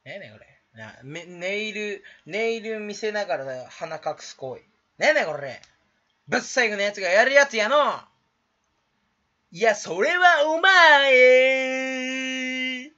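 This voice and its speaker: In a casual solo vlog, a male YouTuber jokes around to camera in a put-on Kansai dialect. His voice sits high, sounding pushed, bright, and sing-song at normal speed, captured in dull lo-fi audio.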